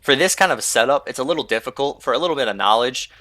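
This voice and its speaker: A man's voice: mid-range voice, expressive, racing, bright, forceful tone, no room sound. Chatty young man rambling over gameplay. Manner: rambling, chatty, fills with "like" and "you know". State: sleepy, yawning. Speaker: gaming channel host. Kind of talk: casual gameplay commentary.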